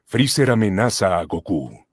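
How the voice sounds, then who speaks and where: A man's voice: lowish voice, big pitch swings, normal speed, slightly rough, no echo, studio quality. A man narrating a cartoon episode like a storyteller, adding comic asides. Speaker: storyteller, streamer.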